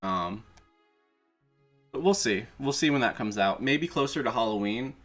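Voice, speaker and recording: A man's voice: medium pitch, animated, moderate pace, a bit bright. A man chatting casually on a livestream as an enthusiastic fan, swearing now and then. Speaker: streamer, video creator. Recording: music playing behind the voice. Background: background music.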